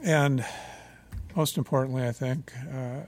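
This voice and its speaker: A man in the role of a utility regulator addresses a public meeting formally and with measure, often restarting and using fillers. He speaks at medium pitch in a steady tone.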